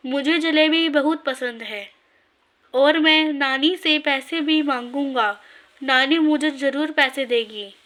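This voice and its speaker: A woman's voice: high voice, takes it slowly, a bit bright. A woman voicing an eager five-year-old boy in a read-aloud story.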